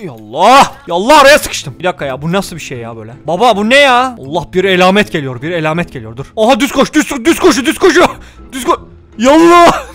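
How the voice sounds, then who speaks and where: Male gaming YouTuber, very high voice, loud slangy play-by-play over faint music. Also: fast, few pauses. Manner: rowdy slangy banter with excited exclamations. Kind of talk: gameplay commentary.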